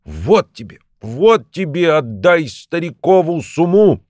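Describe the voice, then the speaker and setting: A man voicing two rough magic lads from a fairy tale, who taunt in a chanting way. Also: lowish voice, very animated, slow pace, dry recording, clean studio sound, heavily acted.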